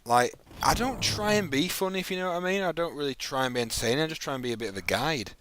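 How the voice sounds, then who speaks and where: A man's voice: a little high, expressive, quick pace, fairly bright tone, slight background noise. A man in his thirties from England, tired and rambling in casual chat while streaming a video game live. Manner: tired, rambling, laid-back. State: sleepy. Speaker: gaming streamer.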